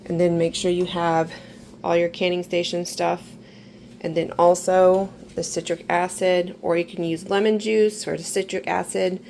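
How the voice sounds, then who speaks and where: A woman getting over an illness, talking through a kitchen canning tutorial in a relaxed, instructive way and repeating reminders. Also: on the low side, normal speed, creaky, slight background noise, low-quality recording. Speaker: home canning vlogger. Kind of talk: casual step-by-step kitchen tutorial. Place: home kitchen.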